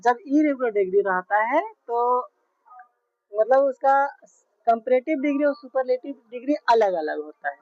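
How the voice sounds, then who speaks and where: A woman teaching English grammar slowly, spelling words out and checking in often with her students. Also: fairly high pitch, animated, darkish tone, no echo. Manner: slow, repetitive, spells words out letter by letter with frequent check-ins. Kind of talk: classroom grammar lesson. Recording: dull, muffled lo-fi sound.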